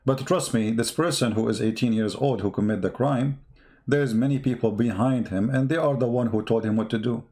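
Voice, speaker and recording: This man, speaking English as a second language rather than his native tongue, rattles off fervent improvised commentary on the news, hammering points home and asking one rhetorical question after another. His mid-range voice is mellow and runs a little fast.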